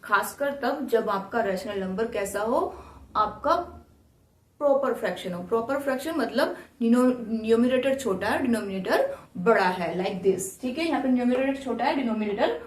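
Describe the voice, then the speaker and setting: Recorded from a distance in an echoey room, a woman with a slightly high, expressive voice speaks at a moderate pace. She's a math teacher walking her students through the steps with patience, repeating them and putting questions to the class.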